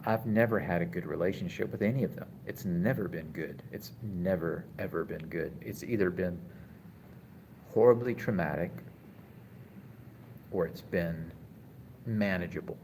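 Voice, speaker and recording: Very low gravelly man, halting and reflective. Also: darkish tone, slight background noise. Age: 40s. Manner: reflective, halting, many restarts. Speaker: vlogger on a live stream. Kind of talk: casual live-stream talk reading chat. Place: hospital room.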